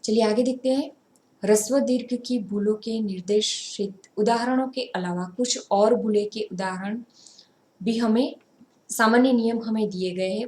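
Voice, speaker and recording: A woman teaching a grammar lesson, explaining slowly and pointing things out step by step. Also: mid-range voice, a little mellow. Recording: roomy echo.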